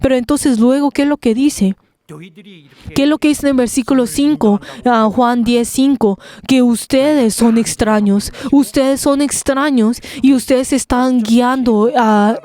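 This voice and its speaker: A woman interpreting a sermon live, speaking in halting phrases with frequent pauses and restarts. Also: a little high, steady tone, dark tone.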